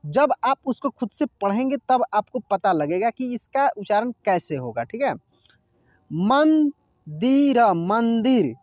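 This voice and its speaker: A man teaching a Hindi lesson, explaining patiently and reading each word slowly twice for learners. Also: high voice, big pitch swings, no echo. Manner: slow drawn-out reading of words for learners; explanatory, repeats words twice.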